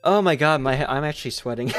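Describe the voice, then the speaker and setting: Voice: mid-range voice, brisk, a bit bright, no room sound, faint music behind. Swearing, raging Tetris livestreamer. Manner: rambling, self-mocking, swears and rages at the game. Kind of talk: live gameplay commentary.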